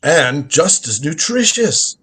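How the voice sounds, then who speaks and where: In a fully committed character voice, fairly high, sing-song and sharp, a man slowly delivers the lead role at a live radio drama reading. His character is a proud, crotchety old grandfather and time-travelling inventor who lectures with imperious authority.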